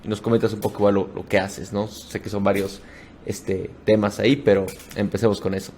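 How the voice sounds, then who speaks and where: Flat, low-voiced male podcast host. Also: a little fast, slight background noise. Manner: conversational, short affirmations. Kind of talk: interview questions.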